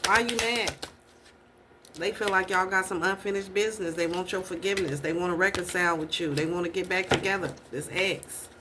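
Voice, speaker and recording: A woman's voice: fairly low pitch, steady tone, a little fast. Woman, tarot reader, blunt, swearing, repeated questions, noisy recording. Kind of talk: casual tarot reading.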